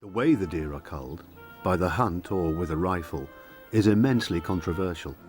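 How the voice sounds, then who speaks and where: A man narrating a nature documentary from a script in a measured, formal way. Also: low-pitched, over music.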